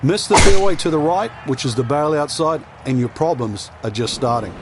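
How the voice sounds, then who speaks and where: A man's voice: on the high side, moderate pace, very noisy, lightly acted. A man playing a golf commentator, the plain-spoken analyst explaining shots conversationally in a video game broadcast. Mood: matter-of-fact.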